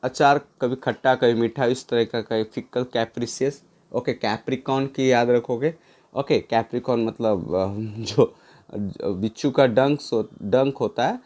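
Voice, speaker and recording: A man's voice: medium pitch, a little mellow. A man teaching English vocabulary for exams, repeating each word and spelling it out letter by letter, with frequent fillers. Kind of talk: exam-prep lesson in Hindi mixed with English.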